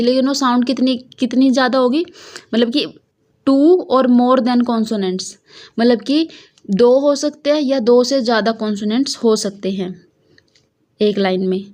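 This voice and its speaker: A woman's voice: fairly high pitch, a little mellow. A woman teacher explaining poetry lessons, often asking her students questions and answering them herself. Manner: repetitive, coaxing, asks and answers own questions. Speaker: English teacher. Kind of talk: Hindi-English classroom explanation.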